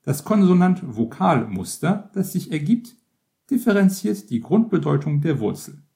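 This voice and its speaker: A man reading an encyclopedia-style text aloud as scripted narration, in a measured, list-like way. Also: on the high side, sing-song, vocal fry, warm tone. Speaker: reader.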